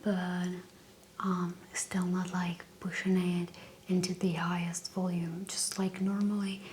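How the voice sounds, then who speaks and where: Woman whispering like a doctor, asmr exam, super slow and flat. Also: lowish voice, a little hiss or hum. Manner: soft unvoiced whisper, gentle instructions. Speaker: doctor in roleplay. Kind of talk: whispered ASMR medical roleplay.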